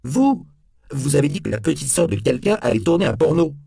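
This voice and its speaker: A man voicing a nervous, defensive suspect who stammers and bursts out in shrill panic in an audiobook. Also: animated, a little fast, gravelly, warm tone, no room sound, studio quality. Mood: panicked. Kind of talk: audiobook character voice.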